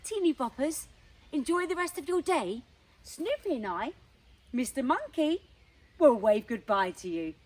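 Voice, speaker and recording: A young woman presenting a children's show, talking to young viewers in an animated, exaggerated way. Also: high-pitched, unhurried, far from the mic.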